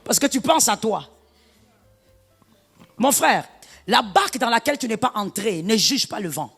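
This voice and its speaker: A woman pastor delivering an animated sermon, her preaching rising to shouts. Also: on the high side, unhurried, creaky, in a large hall, faint music behind.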